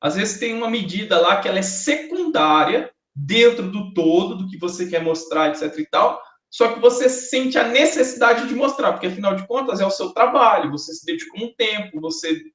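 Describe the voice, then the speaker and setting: A man's voice: high voice, lively intonation, brisk, few pauses, a bit bright. A man with a Brazilian Portuguese accent giving a university classroom lecture, chatty and joking with students. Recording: echoey classroom recording.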